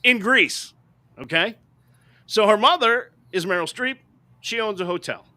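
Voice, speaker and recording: A man's voice: high-pitched, a little slow, pushed and bright. A middle-aged man co-hosting a podcast, reviewing movies in an emphatic, ranting way and often asking "right?". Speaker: podcast co-host. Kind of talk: opinionated movie review chat.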